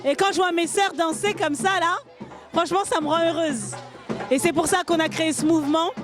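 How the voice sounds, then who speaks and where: A woman choreographer giving a street interview, talking in an enthusiastic, flowing way at an outdoor festival. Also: very high voice. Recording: music and crowd behind.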